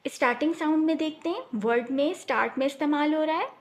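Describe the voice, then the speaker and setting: A woman teaching a children's phonics lesson, speaking clearly and repeating each word so learners can follow. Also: high-pitched, fast talker.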